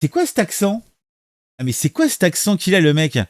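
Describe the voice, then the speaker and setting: Sarcastic guy ranting over a clip, lots of euh, kinda high voice, dry close sound. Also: wildly swooping pitch, normal speed, no room sound. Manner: sarcastic, mocking, hesitant with many fillers. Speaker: political commentary youtuber. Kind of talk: casual reaction commentary.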